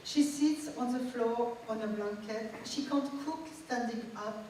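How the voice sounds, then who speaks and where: Woman, slow and slightly high, reading a memoir from a distant mic in a big echoey hall. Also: warm tone, slight background noise. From Tunisia. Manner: measured, reflective storytelling. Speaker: guest speaker. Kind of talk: reading a personal memoir aloud. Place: large event hall.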